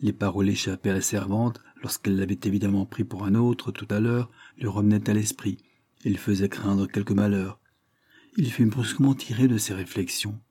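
Low, husky French-novel narrator voice, male. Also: fairly even intonation, moderate pace, mellow, dry recording. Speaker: audiobook narrator. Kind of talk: scripted narration.

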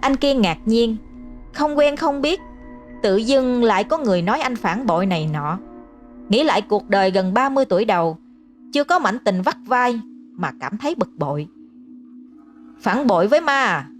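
Brief: female narrator for a ghost story, even and steady, faint music underneath. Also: a little high, normal speed.

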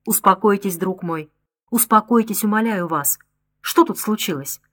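A woman voicing a calm male doctor in an audiobook, speaking in a hushed, soothing way. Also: mid-range voice, normal speed, lightly acted. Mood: grave.

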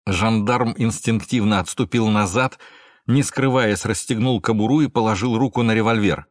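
A man narrating a thriller audiobook in a measured, steady way. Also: fairly low pitch, dry recording, clean studio sound.

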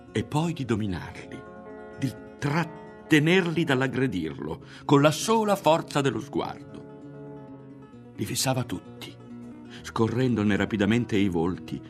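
Male novel reader, low voice, dramatic delivery, faint music underneath. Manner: dramatic, expressive narration. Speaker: audiobook reader. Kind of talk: literary reading with voiced characters.

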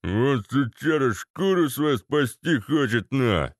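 A hulking, dim-witted ex-paratrooper thug snarls and drags out every foul-mouthed threat, put on by a man reading the story. The delivery is slow, heavy and menacing. The sound is dry and close, with no room around it. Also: mid-range voice, lively intonation, no room sound. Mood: gloating. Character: brutal thick-headed male ex-paratrooper thug.

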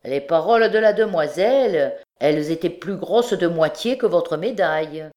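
A woman voicing an insolent male beggar who talks in a cheeky, sneering and loud way in an audiobook. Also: on the low side, expressive, moderate pace, natural voice. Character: insolent older male beggar, brazen and mocking.

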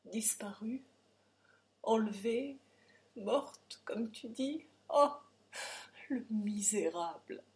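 A woman voicing a gentle, grief-stricken mother who speaks in a broken hush in a dramatic audiobook reading. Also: on the high side, expressive, drawn-out words, pitched above the performer's own voice. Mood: grieving. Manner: hushed, broken whisper.

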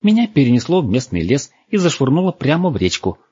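A man's voice: medium pitch, sing-song, quick pace, warm tone, slightly rough, dry recording, pitched above the performer's own voice. A man voicing a haughty, furious young woman who shrieks and talks indignantly, in a dull, dry recording.

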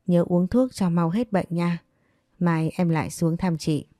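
Woman putting on a sly lady of the house, all sugar on top, lowish warm tone, dry room. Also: unhurried, dry recording, soft background music, natural voice. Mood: sweetly scheming. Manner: sugary, coaxing. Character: scheming second wife, falsely sweet-voiced woman.

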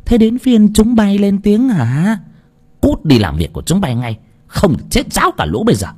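A man's voice: sits high, huge pitch swings, moderate pace, darkish tone, slightly rough, voice pushed up, heavily acted. A man voicing a cruel, hot-tempered old mistress who screeches abuse. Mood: furious. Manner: screeching, abusive, wailing.

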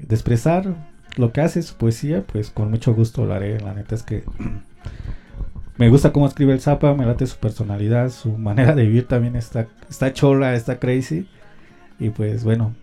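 This Mexican man hosts a homemade radio show, his medium-pitched voice mellow with some vocal fry. Speaking with a Mexican Spanish accent, he tells a personal story in a rambling, slangy monologue packed with fillers and tag questions.

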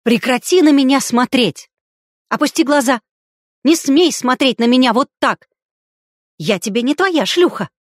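A frantic young woman , played by a woman reader, breaks into shrill, hissing fits in a storybook reading. Her voice jumps high and loud. The sound is dry and close, with no room around it. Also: lively intonation, very slow, no echo, heavily acted. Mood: hysterical. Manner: shrill, frantic outbursts with hissed whispers.

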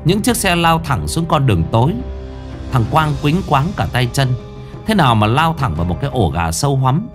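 A man's voice: medium pitch, very animated, moderate pace, over music. A man narrating a ghost story in a dramatic storytelling manner.

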